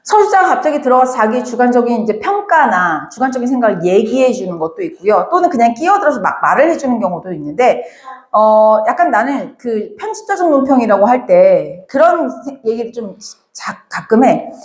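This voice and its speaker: Animated woman teacher in an echoey classroom. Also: fairly high pitch, fairly quick. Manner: lively, acts out characters' lines, addresses students directly. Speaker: Korean literature teacher. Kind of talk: classroom lecture.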